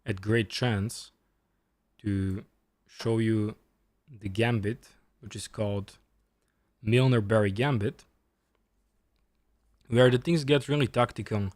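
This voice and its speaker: A chess streamer in his twenties chats casually and commentates on his game, often repeating short phrases. His voice is fairly low, slow, and darkish, with fairly even intonation and no room sound.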